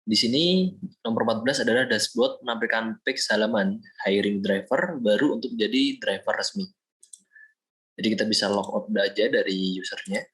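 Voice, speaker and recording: A young man from Indonesia, a student, explaining a software project step by step in a screen-recorded walkthrough, often pausing with fillers. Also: fairly low pitch, low-quality recording. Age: young adult. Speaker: student presenting a project demo.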